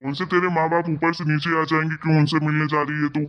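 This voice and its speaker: A man's voice: fairly high pitch, little pitch movement, quick pace, close to an everyday voice. A man voicing a stern, domineering elderly father-in-law in a cartoon story, scolding harshly. The recording is slightly dull and lo-fi. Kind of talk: cartoon voice acting.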